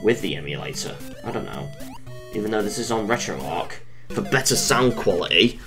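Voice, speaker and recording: A woman's voice: rumbling low, lively intonation, a little fast. A woman giving casual, rambling gameplay commentary, easily frustrated and crying out at every setback. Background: game music.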